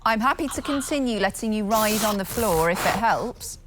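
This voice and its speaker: An actress playing a calm female resident psychiatrist who speaks in a measured, dryly patient way. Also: mid-range voice, background noise, close to an everyday voice. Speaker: actor.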